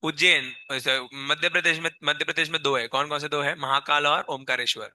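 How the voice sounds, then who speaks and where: A man's voice: a little high, steady tone, moderate pace, pushed and bright, no echo. A man teaching a live chemistry class with a sore, strained throat, constantly quizzing his students and scolding them.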